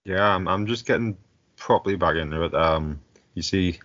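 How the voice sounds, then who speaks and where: A man with a smooth, monotone voice, co-hosting a casual podcast chat over an online call, laid-back and often chuckling. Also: low voice, moderate pace, no echo, highs cut off. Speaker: podcast co-host. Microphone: online call mic.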